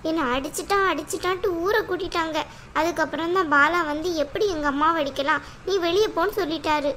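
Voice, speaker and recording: Cartoon role: fiery young wife, high, piercing voice, voiced by a woman. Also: fast talker, slight background noise. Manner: complaining, sharp-tongued. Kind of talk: cartoon voice acting.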